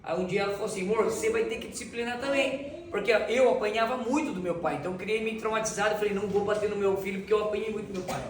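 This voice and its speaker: A man's voice: high voice, steady tone, racing, hardly any pauses, a little hiss or hum. A middle-aged man, a pastor giving a casual, joking church talk full of personal anecdotes and speaking directly to the audience. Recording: roomy hall, far mic, audience audible.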